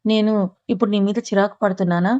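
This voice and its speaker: A moody pregnant young wife who is quick to take offense, as a woman storyteller puts her on. She speaks in a reproachful, clinging way with a mellow, fairly flat voice. The audio sounds dull and lo-fi. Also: medium pitch, natural voice. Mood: irritated.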